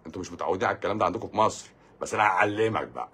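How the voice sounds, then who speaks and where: Fast-talking Egyptian man with a husky voice. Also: low-pitched, a bit bright. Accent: Egyptian Arabic. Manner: quick, joking, reads viewer comments aloud. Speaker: live stream host answering viewer comments. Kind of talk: casual live stream chat.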